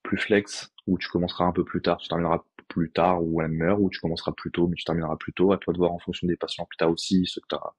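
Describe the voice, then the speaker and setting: Deep husky-voiced man explaining. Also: little pitch movement, fast talker, hardly any pauses, no room sound, highs cut off. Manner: explains step by step, thinking aloud. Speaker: physiotherapist guest. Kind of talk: casual podcast explanation.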